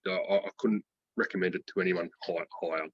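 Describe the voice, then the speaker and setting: A man's voice: sits low, fairly even intonation, fast talker, husky, dry recording. A man, giving a casual interview in slangy, laid-back speech. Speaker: interviewee, programme graduate. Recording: dull lo-fi call audio.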